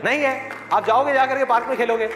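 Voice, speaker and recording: A man's voice: extremely high pitch, steady tone, fast talker, crowd noise, noisy background. A man giving a live motivational talk to students, asking rhetorical questions in a playful way. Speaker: motivational speaker. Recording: echoey hall, live audience, faint music.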